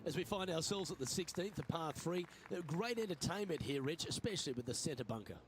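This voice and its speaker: A man's voice: fairly high pitch, lively intonation, brisk, music in the background, natural voice. A man giving polished broadcast play-by-play commentary in a golf video game. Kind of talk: sports commentary.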